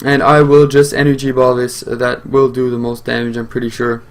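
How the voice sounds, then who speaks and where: A young man who grew up speaking French hosts a gaming channel, thinking out loud as he plays. He talks fairly quickly in a monotone at a middling pitch, and his rambling commentary is full of fillers and restarts.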